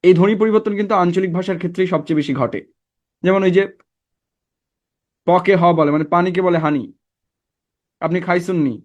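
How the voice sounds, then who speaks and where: A man's voice: sits high, quick pace, long pauses, dull audio. Man lecturing a class. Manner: conversational, asks the class checking questions. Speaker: teacher.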